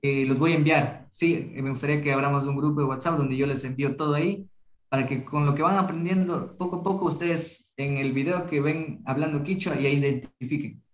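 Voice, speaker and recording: A young man from the Amazon, casually teaching a language workshop over a video call, halting and restarting often. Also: on the high side, steady tone, echoey room, poor audio. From Ecuadorian Amazon. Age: young adult. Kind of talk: online class discussion.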